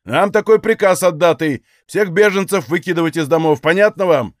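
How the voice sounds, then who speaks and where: Guy voicing a rude cossack yelling orders, high-ish, dry sound. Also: normal speed, no echo, lightly acted. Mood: shouting. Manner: shouting orders. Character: rude armed Cossack soldier, loud and brash.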